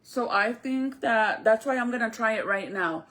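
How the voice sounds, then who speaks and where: Bright-voiced woman talking with a retainer in. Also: a little high, moderate pace. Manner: speaking with a retainer in her mouth; informal, conversational, addresses viewers directly. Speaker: crafter hosting a live stream. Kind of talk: casual live-stream chat, explaining a craft to viewers.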